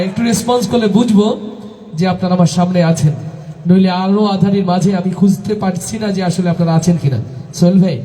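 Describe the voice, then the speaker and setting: A high-pitched man works a live crowd from the stage, calling out and waiting for them to answer back. His voice rings through a big echoey space with a long reverb tail, the sound of a PA at a large evening gathering. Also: mellow. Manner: call-and-response, rousing the audience. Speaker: Islamic event host and singer. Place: large outdoor evening event.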